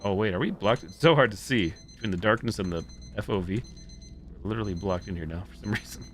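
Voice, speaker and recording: A man's voice: lowish voice, fast talker, slight background noise. A man streaming a horror game, muttering comments and reading game prompts aloud. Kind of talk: live gameplay commentary.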